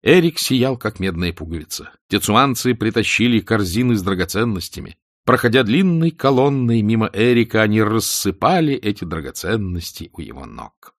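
A male audiobook narrator with a gravelly, fairly low voice. His pitch moves a lot as he tells the story with plenty of expression. The recording is dry and close. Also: very animated, normal speed, hardly any pauses, no room sound. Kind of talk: scripted narration.

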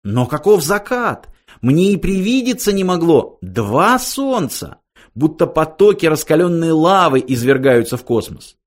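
A man's voice: a little high, sing-song, measured pace, few pauses, darkish tone, husky, exaggerated voice. A man reading aloud voices an earnest young man stranded far from home, who speaks eagerly and with wistful sighs.

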